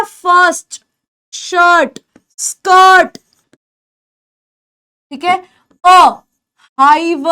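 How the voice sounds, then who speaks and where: A woman's voice: very high voice, fairly bright tone. A young Indian woman teaching beginners English pronunciation, a Hindi speaker who says example words over and over and checks that students follow. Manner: patient, repeats example words slowly and checks understanding.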